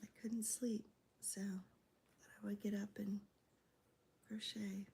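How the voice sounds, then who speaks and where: A woman streaming live, whispering as she chats with viewers, her voice gravelly from a cold. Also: medium pitch, little pitch movement, slow pace. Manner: soft whispering with fillers. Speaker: crochet livestreamer. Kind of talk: whispered ASMR livestream chat. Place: home, early morning.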